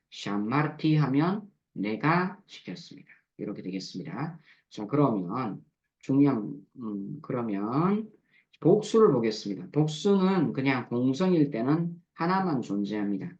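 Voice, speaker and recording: A man teaching a grammar lesson, patiently breaking words into syllables and repeating them slowly for drill. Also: mid-range voice, lo-fi sound. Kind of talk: recorded lecture explaining verb forms.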